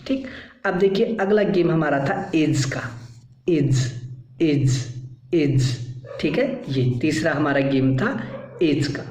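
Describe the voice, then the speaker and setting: Male English tutor, slow and repetitive, drills single letters and words, echoey room. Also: fairly high pitch, darkish tone. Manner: checks in with frequent "ठीक है". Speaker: English teacher. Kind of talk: spoken English lesson.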